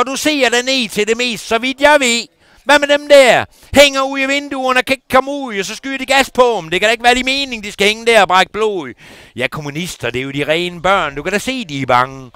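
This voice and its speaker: A man's voice: very high voice, sharp tone, smooth, no echo. A man playing a gossipy, indignant middle-aged housewife in a comic monologue, rambling on and asking for agreement every few words. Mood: indignant gossip. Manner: rambling, keeps adding "ikke også" for agreement.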